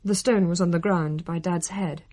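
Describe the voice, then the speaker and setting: A woman's voice: fairly low pitch, fairly even intonation, moderate pace, dark tone, close to an everyday voice. A woman playing a daughter telling the family's story. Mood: calm. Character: young adult daughter narrating the family story. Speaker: narrator. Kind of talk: radio play narration.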